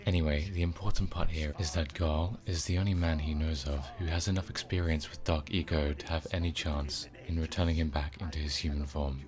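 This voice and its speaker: A man with a very deep, low-pitched voice delivers scripted narration as a game reviewer. His wording is casual and wry, while the read stays that of a prepared retrospective. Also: steady tone, brisk, hardly any pauses. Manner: informal, wry, sweary.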